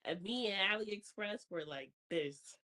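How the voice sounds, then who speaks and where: A woman's voice: medium pitch, animated, unhurried, bright, forceful tone. A young woman co-hosting a podcast in casual chat, teasing in a dry, matter-of-fact way. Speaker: podcast co-host.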